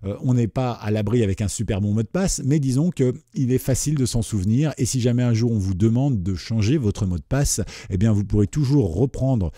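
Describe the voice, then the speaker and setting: A man's voice: medium pitch, lively intonation, brisk, hardly any pauses, dark tone, no room sound, clean studio sound. A man with a French accent hosting a computer tutorial, explaining casually and checking in with the viewer often. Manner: chatty, checks in with "d'accord?" often.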